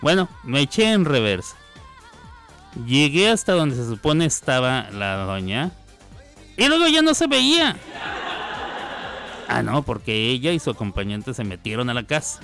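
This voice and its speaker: A man's voice: mid-range voice, very animated, measured pace, long pauses, fairly bright tone, soft background music. A man, a radio host telling a joking story in a casual, chatty monologue with playful sound effects.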